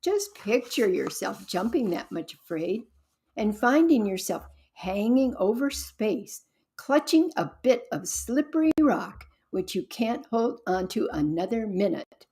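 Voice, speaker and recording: A woman reading aloud voices a male villain who mocks and taunts his cousin in a low, quiet, gloating tone. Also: very animated, unhurried, husky, heavily acted. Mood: sneering. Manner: mocking, gloating.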